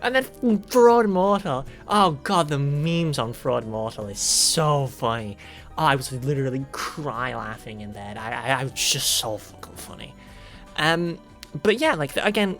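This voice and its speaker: Excitable, swearing woman streamer. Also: sits low. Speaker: streamer reviewing a show. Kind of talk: casual chat.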